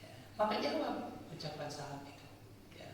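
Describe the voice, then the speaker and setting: A man's voice: a little high, big pitch swings, moderate pace. Guy giving a sermon in a mosque, asks and answers his own questions, far off mic, faint background noise. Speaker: preacher. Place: mosque hall. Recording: echoey hall, voice from far off.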